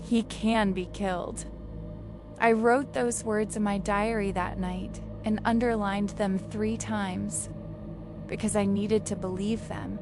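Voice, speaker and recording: A woman plays a troubled but determined young diarist in a horror drama. She confides with restraint in a mid-pitched voice, with music clearly heard behind her. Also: natural voice. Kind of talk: horror audio drama monologue.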